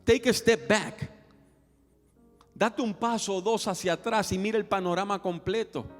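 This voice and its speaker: High-voiced pastor preaching in a hall. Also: male voice, measured pace. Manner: animated storytelling, questioning the congregation. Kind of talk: sermon. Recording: reverberant hall with faint music.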